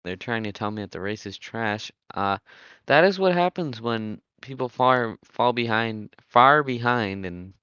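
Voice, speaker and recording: A young man giving casual, chatty commentary on an online motocross race, relaxed and laughing often as he thinks aloud. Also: mid-range voice, unhurried, clean tone, no room sound, highs cut off. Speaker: race commentator and server admin.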